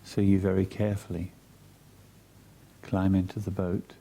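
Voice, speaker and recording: A deep-voiced man leads a meditation in a level tone. He sounds soft, breathy and soothing, keeping a measured pace with long pauses between his phrases.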